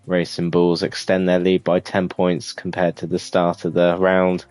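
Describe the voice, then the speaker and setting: A man casually commentating his own racing management game, relaxed and rambling with many fillers. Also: sits low, moderate pace, dry recording, faint music behind. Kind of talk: casual let's-play commentary.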